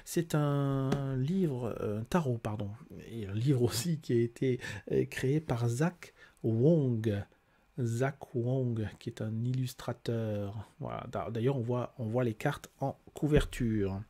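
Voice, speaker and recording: A man's voice: mid-range voice, slow pace, dark tone. A man presenting and comparing two tarot decks in a casual, hesitant way, with frequent fillers and restarts as he explains. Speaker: tarot reader and life coach. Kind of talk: casual product review.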